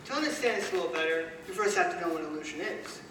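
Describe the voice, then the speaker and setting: High-voiced male magician, very echoey. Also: expressive, very fast. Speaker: stage magician in a duo. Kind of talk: rehearsed stage presentation. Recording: very echoey distant sound, loud noise.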